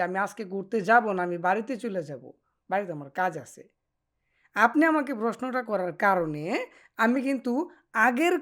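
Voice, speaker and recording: Patient woman teaching Korean grammar. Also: fairly high pitch. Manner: patient, repeats example phrases slowly. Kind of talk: explaining grammar to Bengali speakers.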